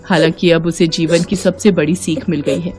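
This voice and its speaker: A woman narrating a cartoon moral story in a steady, expressive way. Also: fairly low pitch, normal speed, music in the background.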